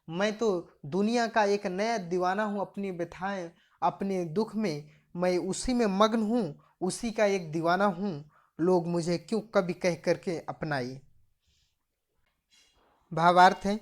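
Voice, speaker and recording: A woman teaching a Hindi poetry lesson, reciting each verse and then explaining it line by line, sometimes louder and emphatic. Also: mid-range voice. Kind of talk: explaining a poem for a class lesson.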